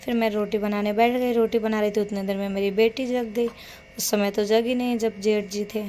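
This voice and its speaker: A young woman with a worn, rough voice, chatting casually through her day at home in a rambling vlog. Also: medium pitch, level tone, normal speed, warm tone, soft background music. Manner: rambling, chatty storytelling of chores. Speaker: home vlogger. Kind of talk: casual daily-life vlog narration.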